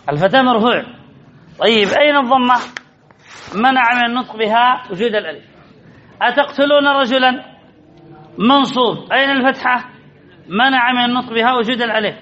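A male grammar teacher giving a classroom lesson, repeating key phrases and quizzing his students with drawn-out words. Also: extremely high pitch, pushed and bright, dull audio.

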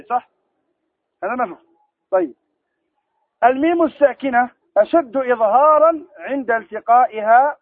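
A man teaching Quran recitation rules in a classroom lesson, quizzing students and then answering his own questions, slowing down to recite verse examples. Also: high voice, dry recording. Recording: tinny phone-like lo-fi recording.

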